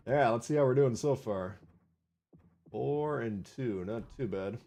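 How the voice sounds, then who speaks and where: A man's voice: mid-range voice, vocal fry, warm tone. Chatty man with a Minnesota accent streaming gameplay. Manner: chatty, wisecracking, reads viewer chat aloud. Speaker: livestream gaming host. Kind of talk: casual live gameplay commentary.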